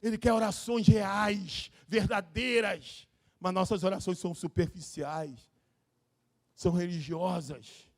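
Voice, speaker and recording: A man preaching a sermon as pastor at a live church service, swinging from low confiding talk to shouted pleas. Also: steady tone, takes it slowly.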